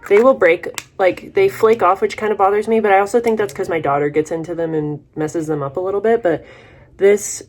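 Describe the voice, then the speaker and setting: A woman's voice: medium pitch, a little mellow. A young adult woman chatting casually in a vlog as she does her makeup, rambling with lots of fillers. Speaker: vlogger. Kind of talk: casual vlog chat while doing makeup.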